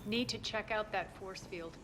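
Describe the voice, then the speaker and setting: A woman's voice: mid-range voice, measured pace, heavy background noise, lightly acted. An actress playing a commanding, hard-edged female crime boss in a sci-fi video game, speaking curtly and imperiously. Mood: cool, sardonic. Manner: curt, imperious. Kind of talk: video game character acting. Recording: loud music behind the voice. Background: loud game music.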